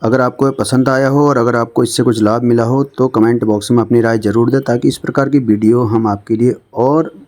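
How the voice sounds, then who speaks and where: A man teaching an English lesson, reading newspaper phrases slowly and then explaining them to his viewers. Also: medium pitch, fairly even intonation, darkish tone. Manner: addresses viewers directly.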